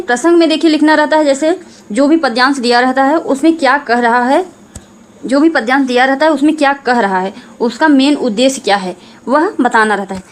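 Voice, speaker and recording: A woman teacher explaining Hindi verse to students, reading each line slowly and then explaining it in plain words. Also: high voice.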